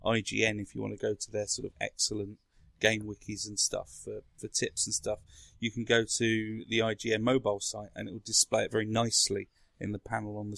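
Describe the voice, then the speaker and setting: A man's voice: on the low side, vocal fry, fairly bright tone, dry recording. A man in a casual tech chat, explaining things in a rambling way as a podcast speaker. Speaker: podcast guest or co-host explaining a console.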